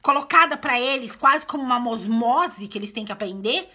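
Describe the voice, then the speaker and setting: Speaking briskly in a fairly high, animated voice that's pushed, bright and husky, a vlogger chats to camera about her two kids. She explains things casually and keeps addressing viewers with "né" and "gente".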